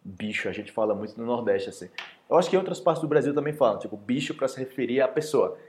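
A Brazilian man with a Brazilian Portuguese accent, teaching language in a casual podcast lesson and acting out lively example phrases. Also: mid-range voice, quick pace.

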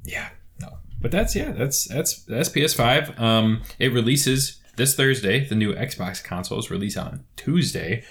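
A man's voice: mid-range voice, animated, measured pace, fairly bright tone. A man co-hosting a casual tech chat, joking and easygoing, with lots of ums. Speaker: podcast co-host.

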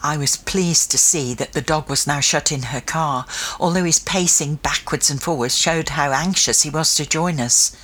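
A woman storyteller giving an expressive first-person reading of a children's adventure story. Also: deep voice, normal speed. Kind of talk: storybook narration.

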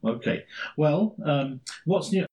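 A man's voice: on the high side, takes it slowly, darkish tone, poor audio. A middle-aged man from London with an English accent, a stand-in guest telling long stories in a dry, self-deprecating way on a casual podcast. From London, England.

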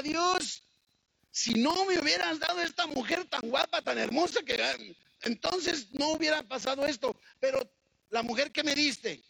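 A man's voice: very high voice, vocal fry, bright, forceful tone, dry recording, voice pushed up, full character voice, rough recording. A man voicing a whiny grown man who pleads and excuses himself by blaming others.

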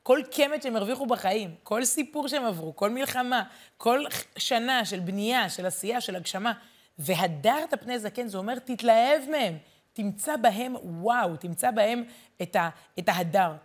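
Animated woman giving a Torah lesson. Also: on the high side. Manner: animated, emphatic, repeats words while searching. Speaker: teacher and journalist.

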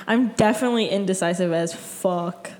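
A woman's voice: mid-range voice, normal speed, a little mellow. A woman in her twenties in a casual podcast chat, chatty and swearing, reading traits aloud.

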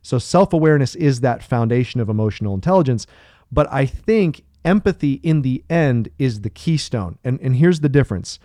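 A man's voice: medium pitch, animated, brisk, warm tone, no room sound, clean studio sound. A man co-hosting a podcast, explaining ideas earnestly and thinking aloud with restarts and fillers. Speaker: podcast co-host. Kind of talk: casual podcast discussion.

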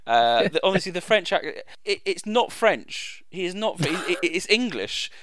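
A man hosting a gaming podcast, steering the talk in a hesitant way with many pauses. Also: high voice, big pitch swings, a bit bright, no room sound. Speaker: podcast host. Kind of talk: casual gaming podcast chat.

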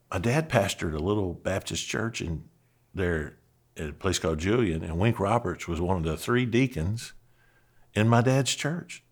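Middle-aged southern guy, pastor telling a story, kinda low voice, earnest and animated. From Western Kentucky, USA. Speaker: pastor and podcast host. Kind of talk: personal storytelling.

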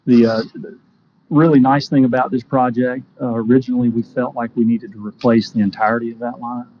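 A man's voice: mid-range voice, level tone, brisk. A man giving a conversational technical explanation as a utility official presenting to a committee. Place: indoor committee meeting. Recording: dull meeting audio, faint noise.

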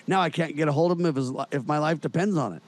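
A man's voice: fairly high pitch, racing. A man appearing as a guest on a political talk show, talking bluntly and cracking jokes. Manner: blunt, wisecracking. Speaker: guest host of another show.

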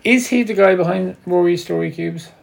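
A man's voice: high voice, moderate pace, gravelly. A man with a west of Ireland accent, co-hosting a podcast in casual group banter. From west of Ireland (Sligo, Galway). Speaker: podcast co-host.

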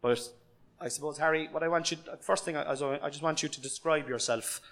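A man's voice: on the high side, fairly quick, fairly bright tone. Joking man hosting a podcast. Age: 40s. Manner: joking, sweary, rambling questions. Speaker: podcast host and comedy club booker. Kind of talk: casual podcast interview. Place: comedy club recorded live.

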